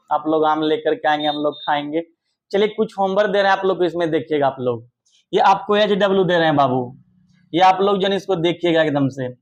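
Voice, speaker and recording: High-voiced teacher coaxing young pupils. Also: male voice, muffled recording. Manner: affectionate, coaxing, calls pupils "babu", praises loudly. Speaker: English teacher. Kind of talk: online classroom lesson for children.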